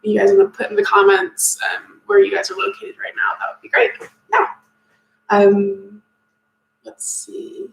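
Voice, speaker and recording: A young woman from Maine, USA, a teacher recruiter, hosts a casual livestream Q&A, answering comments in a chatty, upbeat way with plenty of ums. Her voice is extremely high, sing-song and creaky at a normal speed, and the room sounds echoey.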